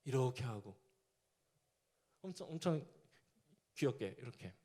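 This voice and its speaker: A man's voice: mid-range voice, sing-song, unhurried, warm tone. A male pastor preaching a sermon, telling the story vividly and acting out the characters' lines.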